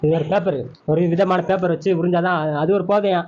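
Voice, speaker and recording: A man's voice: sits high, fairly even intonation, fairly quick, darkish tone, lo-fi sound, slight background noise. A man hosting a home prank video, teasing and coaxing his wife in casual banter.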